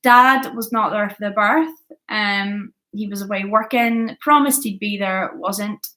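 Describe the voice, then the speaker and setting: This candid woman in her thirties, from Belfast, Northern Ireland, speaks with a Belfast Northern Irish accent as she tells her addiction story on a vlog. Her medium-pitched voice is a little slow, pushed and bright. It's confessional personal storytelling, partly from notes.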